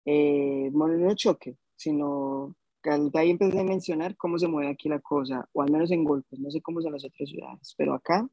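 A man from Colombia with a Colombian accent, telling stories in a relaxed casual chat and laughing easily. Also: on the high side, a little fast, hardly any pauses, dry recording, highs cut off. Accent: Colombian Spanish.

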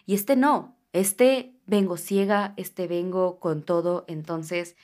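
Young woman, podcast host; animated, playful, unscripted chat with frequent laughs. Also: lowish voice, slow pace. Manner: animated, jokey, laughs often, slips into English swearing.

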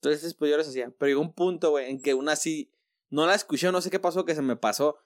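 A man's voice: on the high side, fast talker, no room sound, studio quality. A man with a Mexican accent, telling a story in casual, slangy chat. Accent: Mexican Spanish.

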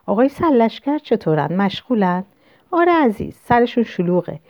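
A woman's voice: a little high, dry recording, pitched above the performer's own voice. A woman putting on a gushing middle-aged lady. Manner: effusive, flattering. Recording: dull lo-fi recording.

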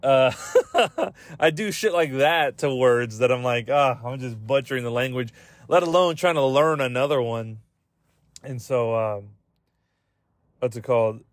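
A man with a mid-range voice hosts a podcast, rambling casually and comedically in slangy, profane English as he retells everyday exchanges. He speaks at a measured pace with frequent pauses, and there's no echo.

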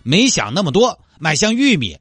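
A man's voice: high voice, wildly swooping pitch, moderate pace, a bit bright, slightly rough, no room sound, soft background music, exaggerated voice. A man voicing a sheepish young man who hit a car, hesitant and apologetic.

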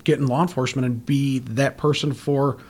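A police chief speaks in a somewhat husky, mid-pitched voice. He is measured and reflective, restarting phrases with small fillers as he thinks. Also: fairly even intonation, darkish tone. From from western New York. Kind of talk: conversational interview.

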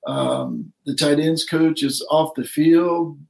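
A man's voice: on the high side, huge pitch swings, slow pace, creaky, a little mellow, roomy sound, poor audio. A middle-aged man co-hosting a casual sports podcast, rambling and correcting himself as he goes. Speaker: podcast co-host.

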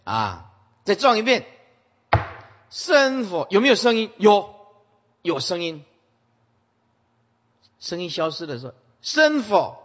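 A man giving an animated Buddhist sutra lecture, repeating commands to his listeners, with a husky voice. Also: high voice, a little slow, long pauses. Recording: muffled, echoey hall.

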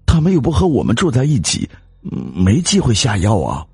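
A man's voice: medium pitch, wildly swooping pitch, normal speed, vocal fry, darkish tone, breathy edge, no room sound, voice pushed up, exaggerated voice. A man voicing a timid, cowardly husband who stammers and whines in fear. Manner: stammering, whiny. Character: timid cowardly middle-aged man, fearful.

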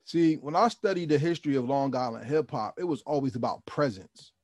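Brisk and darkish in tone, this medium-pitched male podcast host mixes interview questions with commentary on the music's history. His manner is reflective and lecturing, full of restarts, and there's no room sound.

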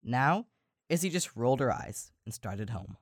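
A man co-hosting a podcast and reading a children's story aloud, slowing down for emphasis. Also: medium pitch, sing-song, vocal fry, dry recording, clean studio sound. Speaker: podcast co-host and story reader. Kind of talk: storybook narration.

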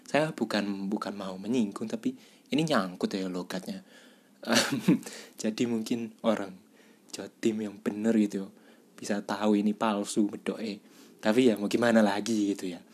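A man's voice: on the low side, steady tone, normal speed, darkish tone, natural voice. A man voicing a polite, hesitant young male student guest with a put-on East Javanese accent in a comedic podcast skit. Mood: apologetic. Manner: polite, hesitant, says "Mas" often.

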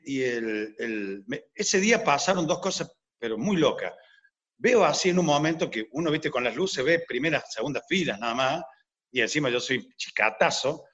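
A comedian telling a rambling anecdote full of asides. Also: male voice, fairly high pitch, fairly bright tone, slightly rough, muffled recording. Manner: rambling storyteller, many asides. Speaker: comedian guest.

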